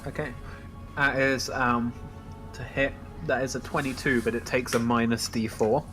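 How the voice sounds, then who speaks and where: A man running a tabletop game as dungeon master, narrating in a slow, halting way with fillers. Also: medium pitch, fairly even intonation, over music.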